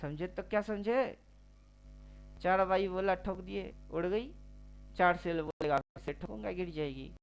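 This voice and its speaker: A man walks through a trading chart in an unhurried voice-over. He talks in slang, teases, and keeps tossing out rhetorical questions. Faint music plays underneath. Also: sits high, gravelly, smooth. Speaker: trading teacher.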